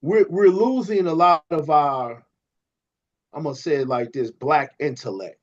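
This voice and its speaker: A man co-hosting a podcast, talking in an animated, preachy way to a guest and stumbling over repeated words. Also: on the high side, measured pace. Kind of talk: casual podcast conversation. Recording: slightly dull lo-fi audio.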